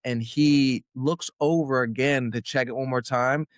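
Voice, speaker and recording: A man's voice: mid-range voice, steady tone, measured pace, dry recording, studio quality. A young man, a guest fighter, telling a story in a casual interview and acting out his own quotes.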